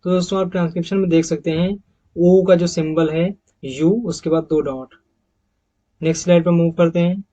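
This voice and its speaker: A man teaching English pronunciation over slides, repeating each example word slowly and calling his viewers friends. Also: a little high, fairly even intonation, mellow, lo-fi sound. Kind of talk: slide-based pronunciation lesson.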